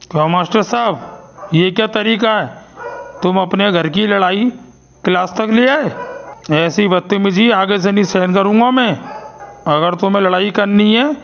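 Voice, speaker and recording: A bossy cartoon principal with a gravelly, lowered voice, as a man puts him on. He scolds and threatens the staff in a stern tone, and the audio is slightly muffled and lo-fi. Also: measured pace, fairly bright tone, a little hiss or hum. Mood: scolding.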